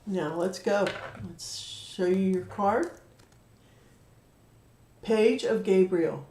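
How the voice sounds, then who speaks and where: A woman's voice: mid-range voice, very slow, dark tone. A woman giving an angel card reading on a livestream, talking straight to a viewer in an earnest, heartfelt way. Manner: earnest, emotional, talks directly to a viewer. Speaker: card reader and medium. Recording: echoey room.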